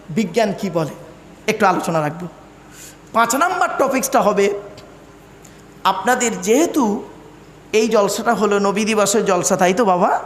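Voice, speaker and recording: Male preacher, very high voice, quizzes the crowd, sung recitations, booming echo over a PA. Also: a little hiss or hum. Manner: sing-song Quranic recitation. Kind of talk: sermon at a religious gathering. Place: large outdoor gathering. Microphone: microphone over speakers. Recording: echoey hall reverb, faint ambience.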